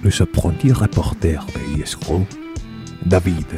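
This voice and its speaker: A man's voice: low-pitched, normal speed. A man announcing a podcast intro in a punchy, scripted delivery. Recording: guitar music under the voice.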